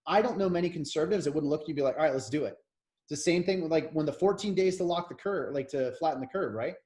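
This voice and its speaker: Rapid-fire and darkish in tone, this voice sits on the high side. It belongs to an American man in his thirties co-hosting a podcast, who talks politics casually in an opinionated, rambling way and keeps restarting.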